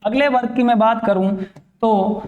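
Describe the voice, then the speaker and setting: Guy teacher with a really high voice, echoey classroom, keeps asking the class then answering himself. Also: steady tone, a little mellow, lo-fi sound. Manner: repeats questions to students and answers them himself; recites letters slowly one by one. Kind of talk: classroom grammar lesson.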